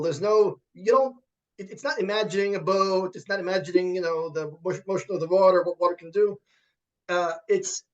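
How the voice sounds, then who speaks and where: Halting high-voiced man, often repeating words. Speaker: guest, computer science professor. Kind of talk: conversational interview.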